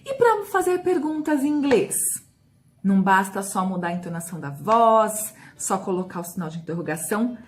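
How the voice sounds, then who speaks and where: Brazilian woman English teacher, mid-pitched, slows to model phrases, chatty asides, light music bed. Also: expressive. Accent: Brazilian Portuguese. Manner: checks in often with short asides to the viewer. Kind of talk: explaining a grammar lesson.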